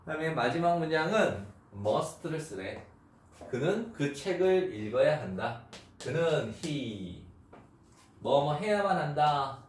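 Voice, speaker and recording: A man teaching English grammar to children, explaining step by step and repeating example phrases slowly. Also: on the high side, sing-song. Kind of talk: unedited grammar lesson for children. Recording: echoey room, mic far off, faint noise.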